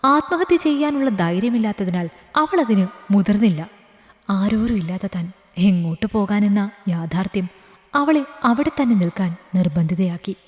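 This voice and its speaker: A woman narrating a scripted story in a steady, measured reading voice. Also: medium pitch. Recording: echoey room with long reverb.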